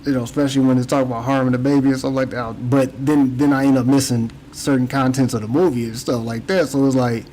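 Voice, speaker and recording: Male podcast host, mid pitch, rambling casual delivery, tired edge, faint noise. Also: steady tone, quick pace, few pauses, mellow, rough recording. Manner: rambling, repeats words, frequent "you know what I'm saying". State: yawning, tired. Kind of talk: casual chat.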